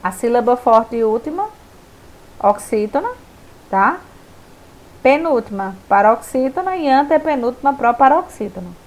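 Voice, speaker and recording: A woman's voice: a little high, lively intonation, unhurried, long pauses, darkish tone. A young woman teaching a recorded remote school lesson, explaining step by step and checking in with her students.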